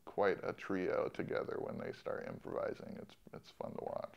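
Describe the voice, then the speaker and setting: A man in his forties, a film director, speaking thoughtfully in an interview with many pauses and restarts. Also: highs cut off. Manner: soft-spoken, thoughtful, with many ums and restarts. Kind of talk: interview conversation. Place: studio in Los Angeles.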